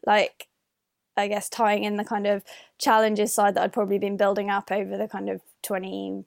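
A woman's voice: medium pitch, completely flat delivery, moderate pace, creaky, no echo, clean studio sound. A young woman from Ireland, talking casually about herself as a remote guest on a call, hesitating often with fillers and restarts. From Northern Ireland. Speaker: guest, adventure athlete. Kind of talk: casual interview answers.

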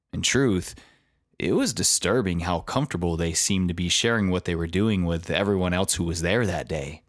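A man's voice: low voice, dry recording, studio quality. A man narrating his own memoir story in a reflective, confessional way.

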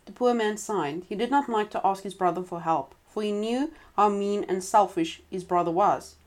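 A woman's voice: medium pitch, moderate pace, a little mellow. Woman telling a folk tale with chatty asides. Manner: conversational, with frequent asides and restarts. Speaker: storyteller.

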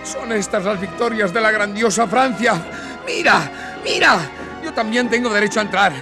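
An actor playing a desperate, defiant young man in a radio play, shouting accusations and pleading. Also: high-pitched, moderate pace, lightly acted. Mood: furious. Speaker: lead actor. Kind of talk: radio drama acting. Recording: radio play with music behind.

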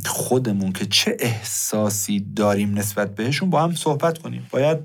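A man voicing a calm wife stating needs. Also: fairly low pitch. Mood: earnest.

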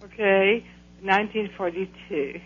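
An older woman talks on a radio phone-in. She comes over a muffled telephone. There is clear noise and hum on the line. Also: mid-range voice, steady tone, measured pace. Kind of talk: on-air call-in exchange.

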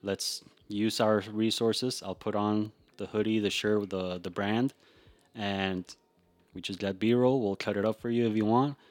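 A man hosts a casual podcast chat, his voice sitting low and recorded dry with no room sound. He talks in a loose, rambling way, circling back and restarting his sentences as he explains an idea. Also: unhurried, dry recording. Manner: relaxed, rambling, with frequent restarts. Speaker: podcast host.

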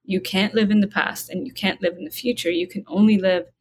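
A woman guest in an interview, talking in a calm, reflective way. She lets her words slow down when she stresses a point. A faint noise sits under the recording. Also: mid-range voice. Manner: calm, reflective, slows down for emphasis. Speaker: spiritual guide and interview guest. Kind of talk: conversational interview.

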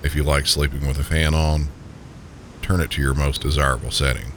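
A man with a Southern US accent narrates like a sleep story host, soothing listeners in a calm, gentle, unhurried manner. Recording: steady low rumbling background noise. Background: low pink-noise rumble.

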